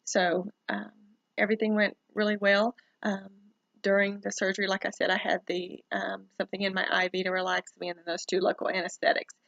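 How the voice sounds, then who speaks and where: A dry, close-sounding recording with a slightly muffled, lo-fi tone carries a woman talking casually to camera. Her voice creaks and crackles with fry. She speaks haltingly, pausing often as she gives a personal update. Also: medium pitch, monotone, a bit bright, no room sound. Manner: hesitant, halting, with many pauses. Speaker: vlogger documenting recovery from eyelid surgery.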